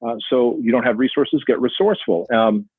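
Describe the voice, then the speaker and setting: This man, in his forties and raised speaking Armenian in an Armenian family in the Soviet Union, tells his life story earnestly as a guest in a podcast storytelling interview. His mid-range voice moves fairly quickly and has a breathy edge. The line is dry, tinny and phone-like, with no echo.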